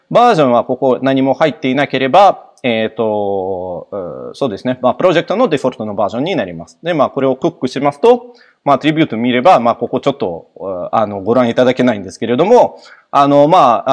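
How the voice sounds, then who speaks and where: Fast-talking man giving a halting tech presentation. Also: medium pitch. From Russia. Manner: halting, frequent filler words between phrases; polite explanatory tone. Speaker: conference presenter. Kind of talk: technical software presentation.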